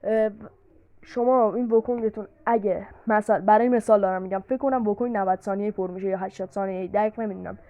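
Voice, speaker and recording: A woman's voice: medium pitch, fairly even intonation, narrow, tinny audio. A woman casually narrating a game guide, chatty and explaining things with examples and many fillers. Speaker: gaming YouTuber.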